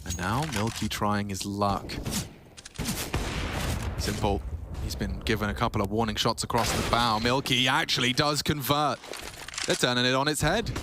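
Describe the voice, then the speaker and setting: A man's voice: mid-range voice, fairly even intonation, moderate pace, pauses often, noisy background. A man working as an esports caster, calling play-by-play in a dramatic, wordy style with colourful turns of phrase. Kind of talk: esports match commentary.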